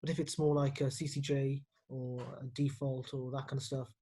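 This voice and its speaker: A man, a mortgage broker guest, explaining lending plainly and quickly in a casual live Q&A. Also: medium pitch, little pitch movement, dark tone, slight background noise. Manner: explanatory, matter-of-fact, quick.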